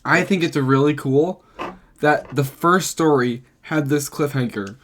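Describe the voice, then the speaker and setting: A man with a fairly high voice hosting a podcast in easygoing chat. He rambles, circling back on his points with plenty of fillers as he talks them through. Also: unhurried, slight background noise. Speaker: podcast host. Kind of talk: casual chat.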